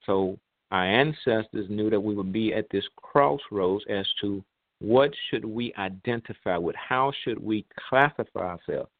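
A man hosting an online radio talk show, heard over a phone line, speaking in a measured way with pauses and fillers. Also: lowish voice, no room sound. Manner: measured, pausing, with many fillers. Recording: tinny, dry phone line.

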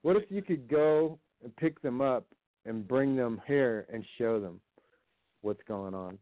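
Podcast co-host, joking and crude, phone-thin sound, dry room. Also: male voice, medium pitch, unhurried, no echo. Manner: wisecracking, swears freely. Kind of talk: profane casual chat. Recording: tinny phone-like line, dry.

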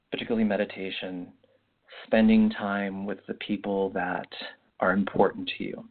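Echoey, deep-voiced man giving spiritual guidance. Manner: meandering, reflective phrasing with repetitions. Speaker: spiritual podcast host. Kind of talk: unscripted spiritual guidance talk. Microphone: makeshift mic, not the usual podcast one. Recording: echoey, muffled phone-like sound without usual microphone.

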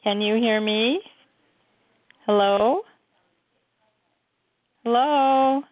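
A woman caller calls in to a live show, and her call keeps dropping out. She speaks slowly, repeating hellos and asking whether she can be heard. Her voice comes through a dry, tinny phone line. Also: a little high, dry recording.

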